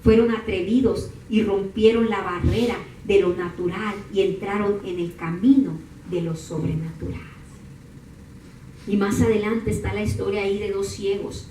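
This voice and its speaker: A woman preaching a sermon, moving from calm teaching to high, impassioned crying out. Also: moderate pace, a little hiss or hum. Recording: echoey room from far off.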